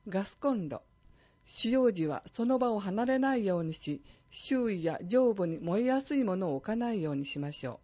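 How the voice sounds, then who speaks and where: A woman announcer reading a scripted fire department public service announcement in a clear, measured way. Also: medium pitch, mellow, muffled recording.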